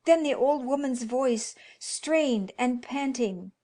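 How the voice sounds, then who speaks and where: Slow-paced woman narrating a horror story. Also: high voice. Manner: dramatic, expressive, dropping to hushed tones.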